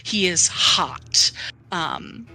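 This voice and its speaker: A woman's voice: fairly low pitch, expressive, extremely slow, sharp tone, poor audio. A woman game master narrating a tabletop game in a casual, playful, colloquial and sweary way. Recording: music playing behind the voice.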